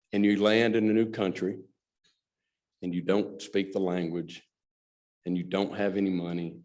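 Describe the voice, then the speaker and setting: A middle-aged man from Alabama, USA, speaks in a low-pitched, slightly mellow voice as the guest speaker at a luncheon. He's a company president telling stories earnestly and addressing the audience directly.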